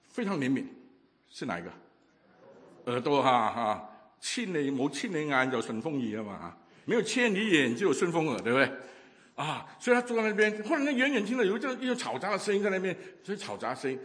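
A man preaching a sermon, telling a story with lively acted-out voices and many hesitations. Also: fairly high pitch, big-room sound.

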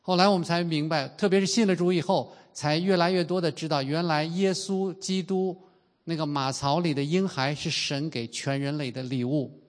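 A man in his fifties preaching a sermon in an earnest way, slowing down and stretching out the key phrases. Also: a little high. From China. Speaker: pastor.

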